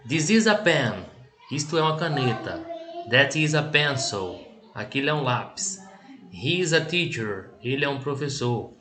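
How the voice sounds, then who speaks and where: A man with a Brazilian Portuguese accent teaching an English lesson. He explains patiently, checks in often and reads example sentences slowly before translating them. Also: mid-range voice, very animated. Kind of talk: recorded language lesson.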